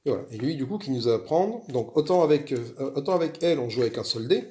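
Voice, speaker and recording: A board game video host talks casually as he plays through a solo board game, rambling and often starting over. His medium-pitched voice is animated and a little mellow, and he speaks quickly.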